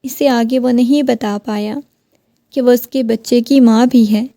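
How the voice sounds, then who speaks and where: Gravelly woman reading a novel. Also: a little high, fairly even intonation, warm tone, no room sound. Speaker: narrator. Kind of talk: reading a romance novel aloud.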